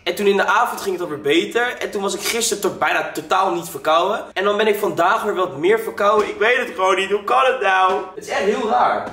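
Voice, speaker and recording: A man's voice: high voice, fast talker, hardly any pauses, bright, forceful tone, reverberant. A young man chatting casually to his viewers in a vlog, rambling and addressing them directly. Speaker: vlogger. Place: indoors at home.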